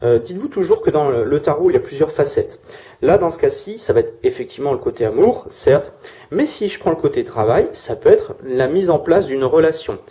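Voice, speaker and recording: A man's voice: fairly high pitch, animated, fairly quick, dark tone. A man giving a casual weekly tarot reading, hesitant with many fillers and restarts, speaking through a sore throat. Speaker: tarot reader.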